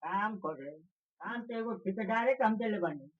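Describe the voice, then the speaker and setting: A woman with a Bhojpuri accent playing a bossy landowner in a rustic comedy sketch, scolding loudly. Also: medium pitch, expressive, normal speed, slightly rough, dull audio.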